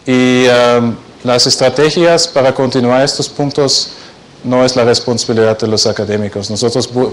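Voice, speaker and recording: Halting man with foreign-accented Spanish. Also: medium pitch, rough recording. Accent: foreign, non-native Spanish. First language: not Spanish. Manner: halting, searching for words in learned Spanish. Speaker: academic presenter, guest speaker. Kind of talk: conference presentation.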